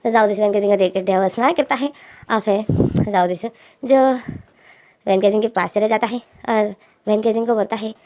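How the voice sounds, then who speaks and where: A young woman retelling a drama's plot as a storyteller, in a steady, plain recounting manner. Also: medium pitch, brisk.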